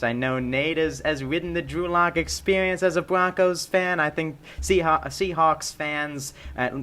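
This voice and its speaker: A man's voice: mid-range voice, sharp tone. A man co-hosting a casual sports podcast, stammering and repeating words as he talks.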